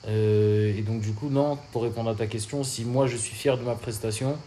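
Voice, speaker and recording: A man's voice: medium pitch, normal speed. Laid-back young man, echoey room. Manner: relaxed, rambling with fillers and slang. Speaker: podcast co-host. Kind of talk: casual chat. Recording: echoey room, faint ambient noise.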